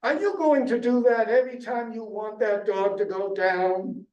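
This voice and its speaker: A gruff police dog trainer barking stern orders, as a man reads him out. The voice rises high and sharp with shouted force. It sounds roomy and set back from the mic. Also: steady tone, moderate pace, highs cut off, lightly acted. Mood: stern shouting. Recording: echoey room, distant mic.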